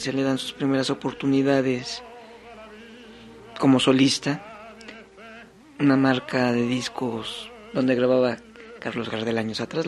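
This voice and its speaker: A man, a music historian on a radio program, telling stories in a conversational way with frequent tag questions. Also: mid-range voice. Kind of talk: casual radio chat.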